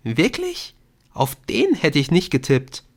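A man reading an audiobook, voicing a frightened teenage girl who pleads in a high, shaky voice. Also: slow, creaky, fairly bright tone, exaggerated voice. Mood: subdued.

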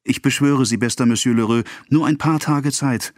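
A man's voice: fairly low pitch, moderate pace, no room sound, studio quality, pitched above the performer's own voice, lightly acted. A man reading the part of a desperate young woman who pleads with a creditor, in a raised, agitated voice. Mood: pleading.

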